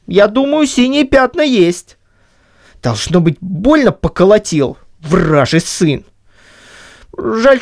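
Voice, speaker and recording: A woman's voice: medium pitch, a little mellow, voice pushed up. A woman voicing a stubborn, grumbling older Cossack man in an audiobook reading, with a whiny, indignant manner. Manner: whiny, indignant, muttering to himself. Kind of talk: audiobook reading of a classic story.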